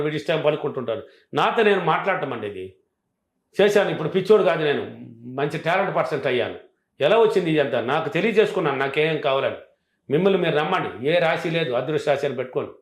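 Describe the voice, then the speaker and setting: Speaking in a fairly high, reverberant voice, a man teaches self-help affirmations. He answers interview questions with self-assurance, stressing and repeating his points.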